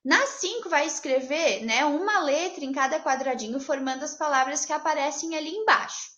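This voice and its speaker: A Brazilian woman teaching a Portuguese lesson to children, upbeat and patient, checking in with the class after each point and drawing out example words slowly. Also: high voice, a bit bright. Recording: roomy, slightly dull home video audio.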